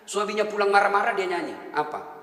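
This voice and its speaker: A middle-aged man delivers a joking, animated sermon. His voice sits high and rings bright. It carries through a large reverberant hall with a faint hum of ambience. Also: normal speed. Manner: animated storytelling with jokes and voiced quotes. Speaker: preacher. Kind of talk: humorous sermon.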